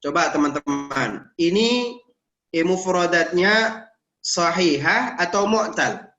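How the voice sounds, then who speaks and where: An Indonesian man teaching Arabic grammar in an online university lecture, lively and teasing, drilling his students with questions. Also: high voice, takes it slowly, slight background noise. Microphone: video call. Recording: echoey room, dull lo-fi sound.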